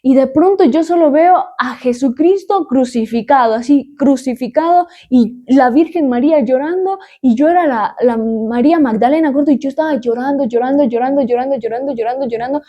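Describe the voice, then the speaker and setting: A woman's voice: high voice, a little fast, few pauses, warm tone, dull audio. A young adult woman hosting a talk show, telling a personal story in an emphatic, repetitive way and acting out the sounds and cries she describes. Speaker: podcast host.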